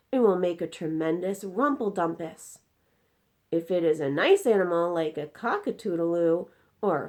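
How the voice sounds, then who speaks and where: In a lowish, somewhat dark voice, a woman plays a storybook giant who is upset and indignant. She exclaims with mangled grammar and draws out words emphatically.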